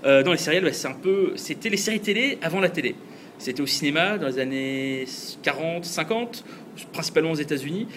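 High-voiced guy hosting a podcast, eager, a bit of hiss behind. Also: animated, brisk, a bit bright. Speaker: podcast host. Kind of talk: casual chat.

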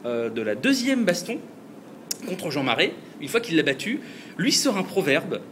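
Chatty man with a higher voice. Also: big pitch swings, normal speed, fairly bright tone, slight background noise. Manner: chatty, laughs often. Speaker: podcast host. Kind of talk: casual podcast chat.

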